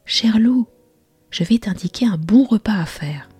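A woman's voice: on the low side, lively intonation, unhurried, warm tone, breathy edge, no echo, faint music behind, exaggerated voice. A woman voicing a tiny, plucky boy in a whispered bedtime storybook role-play, with eager exclaiming whispers. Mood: coaxing.

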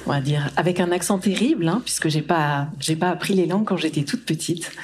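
A woman's voice: lowish voice, brisk, a little mellow. A woman from Brittany giving a live conference talk in a hall, chatty, with many fillers and restarts. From Brittany, France. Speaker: conference speaker.

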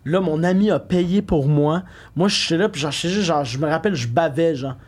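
A man's voice: a little high, a little fast, darkish tone. A young man with a Québécois accent, a podcast guest telling a story in a casual, slangy way full of fillers. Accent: Québécois French.

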